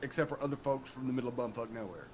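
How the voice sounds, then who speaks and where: A man's voice: medium pitch, rapid-fire, a little mellow. Young appalachian guy on a podcast, rambly and jokey, cusses a lot, bit of background hiss. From rural Appalachia. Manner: joking, rambling, swears freely. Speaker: podcast co-host. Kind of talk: casual chat.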